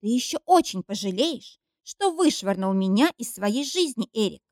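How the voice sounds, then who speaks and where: A woman's voice: fairly high pitch, very animated, normal speed, a little mellow, no echo, clean studio sound. A woman reading an audiobook, voicing an emotional young woman who is jealous and accusing. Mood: pleading, jealous. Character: clingy, jealous young woman, shrill and pleading.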